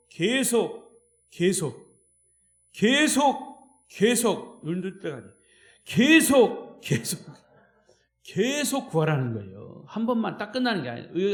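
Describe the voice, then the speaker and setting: A man's voice: high-pitched, reverberant. A man preaching a sermon as pastor, emphatic, with repetition and rhetorical questions. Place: church sanctuary.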